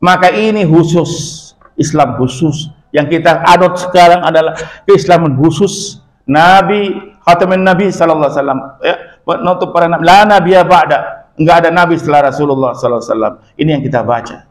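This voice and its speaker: A man's voice: a little high, a little fast. A man from Madura with a Madurese accent, teaching a religious lesson in an emphatic manner and often checking in with his listeners. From Madura, Indonesia. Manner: lively, emphatic, with frequent affirming "ya". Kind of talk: religious lesson explaining a text. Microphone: phone camera.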